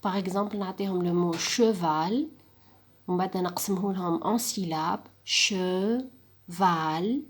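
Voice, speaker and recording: A woman talks through a primary school lesson, switching languages as she goes. She stretches out each example word slowly and clearly, as if a class were listening. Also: on the low side, a little hiss or hum. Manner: slow, clearly sounded-out words when modeling the exercise; mixes French and Arabic dialect mid-sentence.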